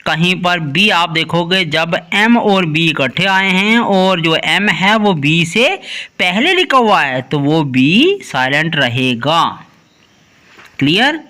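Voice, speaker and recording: Male tutor, high voice, lots of rise and fall, keeps checking in with students. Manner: lively teaching tone, keeps asking "clear?". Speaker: English teacher, channel host. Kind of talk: Hindi-language video lesson on English pronunciation.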